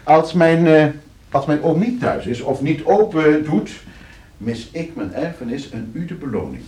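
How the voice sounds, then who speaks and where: In a radio play, an actor voices a polite, scheming professor plotting against his uncle for an inheritance, using a fairly high, very animated, unhurried, slightly mellow voice. He coolly gives instructions with precision but stammers and gets flustered when questioned.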